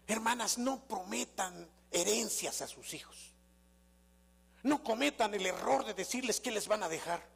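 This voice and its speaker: A man's voice: high voice, a little slow, gravelly, a crowd in the background. An older man with a Mexican accent preaching a sermon as pastor, telling stories and putting rhetorical questions to his congregation. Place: church sanctuary. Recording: long reverb of a church hall.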